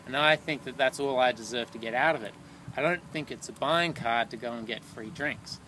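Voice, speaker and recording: A man's voice: mid-range voice, a little fast, rough recording. A tired man, a solo runner, recording a rambling, thoughtful video diary outdoors by a road. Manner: rambling, thoughtful, lots of fillers. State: tired after a long run. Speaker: solo long-distance runner vlogging. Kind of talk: casual reflective video diary. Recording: loud traffic noise outdoors.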